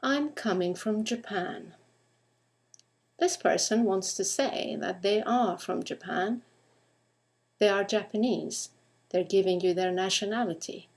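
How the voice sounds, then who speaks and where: A woman teaching English grammar in a recorded lesson, speaking clearly and deliberately and putting questions to the listener. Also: mid-range voice, darkish tone.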